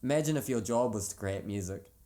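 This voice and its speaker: A man's voice: fairly low pitch, a little fast, warm tone. A man with a New Zealand accent, a rapper guest chatting casually in an interview, laid-back and rambling with lots of fillers.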